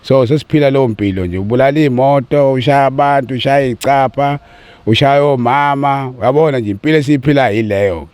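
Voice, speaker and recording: A man's voice: mid-range voice, a little fast, a little mellow, clear, resonant tone, no echo. A South African man with a Zulu accent giving an earnest personal account in an interview. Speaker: interviewee speaking for his family about an ill brother.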